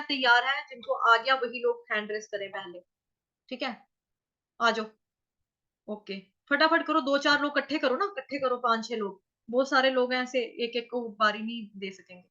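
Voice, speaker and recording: A woman teaching verse recitation in an online class, breaking words into syllables slowly and repeating them for her students. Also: on the high side, pushed and bright, muffled recording. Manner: slow, syllable-by-syllable drilling with repeated examples. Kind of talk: online pronunciation lesson.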